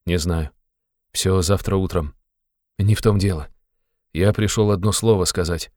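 A man's voice: low-pitched, a little slow, a little mellow, no room sound, clean studio sound. A man voicing a brooding young man who talks in a sullen, clipped, abrupt way. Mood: gloomy.

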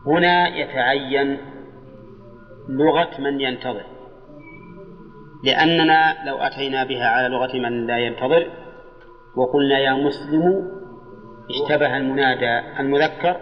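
An older man teaching Arabic grammar to students in a lesson, slow and measured, drawing out the words of his examples and putting questions to the class. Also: medium pitch, faint music behind. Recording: dull old lecture tape in a reverberant hall.

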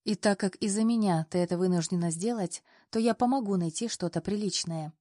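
A woman's voice: mid-range voice, brisk, mellow, dry recording, studio quality, lightly acted. A woman reading the lines of a confident young male boss who teases and gives orders. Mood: teasing. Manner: teasing, commanding.

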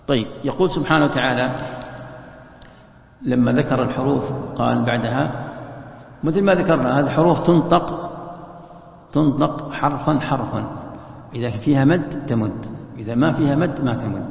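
Gravelly man teaching in an echoey hall. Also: mid-range voice, a little fast, long pauses. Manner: explains step by step, drawing out letters to demonstrate. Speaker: Quran commentary teacher. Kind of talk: religious lesson. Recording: dull echoey hall recording.

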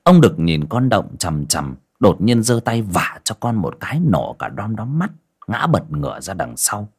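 Husky, expressive male storyteller. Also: on the low side, unhurried. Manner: expressive, dramatic. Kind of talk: dramatic story narration.

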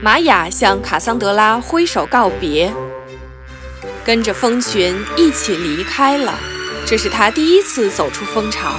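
A woman's voice: mid-range voice, sing-song, a little slow, over music. A woman reading a scripted children's story as its narrator.

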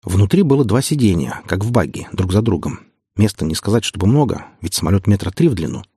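A man narrating an audiobook in a steady storytelling manner. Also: on the low side, brisk, breathy edge, no echo, clean studio sound. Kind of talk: scripted narration.

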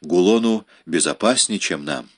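A man's voice: low-pitched, moderate pace, husky. A man voicing a group of frightened male slaves in an audiobook. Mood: fearful.

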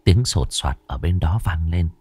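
A man narrating an audio story in a measured, expressive way. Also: sits low, faint music behind.

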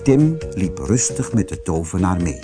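A man reading a fairy tale audiobook as narrator, slow and very expressive. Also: low-pitched, music in the background.

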